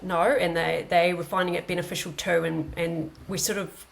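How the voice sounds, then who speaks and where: A woman's voice: fairly low pitch, flat delivery, moderate pace, gravelly, low-quality recording. A woman in her late thirties with a broad New Zealand accent, telling her own story conversationally as an interview guest. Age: late 30s. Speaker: guest, paramedic.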